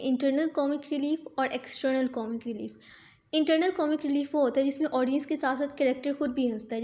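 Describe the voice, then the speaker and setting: A woman teaching literature terms, explaining in Hindi with English terms mixed in and reading English definitions slowly. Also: high voice, darkish tone.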